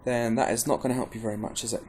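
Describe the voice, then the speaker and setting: A man's voice: mid-range voice, level tone, racing, darkish tone. A man giving a casual, rambling gameplay tutorial, chatty and full of restarts. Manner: caffeinated, pepped up. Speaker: game guide presenter.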